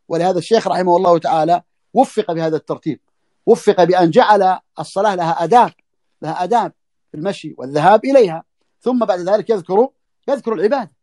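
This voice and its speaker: Male scholar, fast religious lesson, high voice, reads a text and repeats key phrases. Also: darkish tone, no room sound, clean studio sound. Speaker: Islamic scholar teaching a fiqh class. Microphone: audio recording for a live online lesson.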